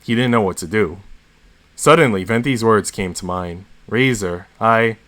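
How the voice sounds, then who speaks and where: A man with a fairly low voice narrates a piece of fan fiction. He reads it as a story, moving between narration and dialogue. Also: moderate pace, fairly bright tone. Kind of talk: story reading with acted dialogue.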